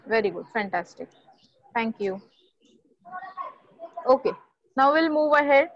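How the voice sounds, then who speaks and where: A woman's voice: high-pitched, muffled recording. A woman teaches a Sanskrit class over a video call, encouraging and mixing Hindi with English.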